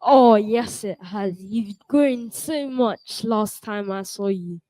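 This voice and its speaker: A woman playing a lonely elderly male inventor, speaking slowly and kindly in a school puppet play. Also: mid-range voice, dark tone, dry recording, close to an everyday voice, low-quality recording. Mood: gentle. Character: lonely old male inventor, gentle and kind.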